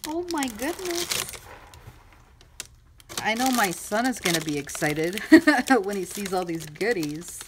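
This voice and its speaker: A middle-aged woman crafting vlogger gushing excitedly over a mail swap, chatty and full of fillers. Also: fairly low pitch, unhurried, hardly any pauses. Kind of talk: casual unboxing chat. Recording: noisy room with crinkling and clicks.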